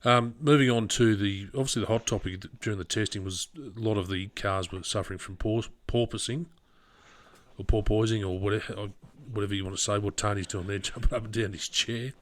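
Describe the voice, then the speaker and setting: A man's voice: fairly low pitch, steady tone, quick pace, few pauses. A man co-hosting a casual motorsport podcast, chatty and leading into new topics. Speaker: podcast co-host.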